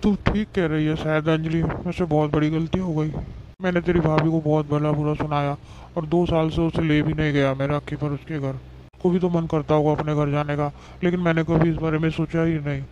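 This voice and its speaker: A man's voice: fairly high pitch, level tone, a little fast, noisy background, lightly acted. A man voicing a blunt Indian elder brother in a cartoon, talking in a casual brotherly way. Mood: remorseful. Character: Indian elder brother, gruff then remorseful. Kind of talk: cartoon voice acting. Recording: dull lo-fi sound. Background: background music.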